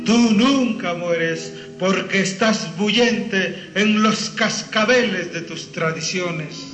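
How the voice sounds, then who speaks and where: Slow, high-voiced Mexican man reciting poetry. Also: fairly bright tone. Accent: Mexican, Costa Chica. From Costa Chica, Mexico. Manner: slow, solemn, sing-song delivery. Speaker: poet reciting. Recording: roomy, dull lo-fi recording with music. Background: music playing.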